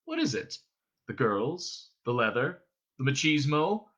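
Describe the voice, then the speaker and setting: A man voicing a quick-witted male traveller in a story reading, exasperated and slyly persuasive. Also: medium pitch, very animated, a bit bright. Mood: coaxing.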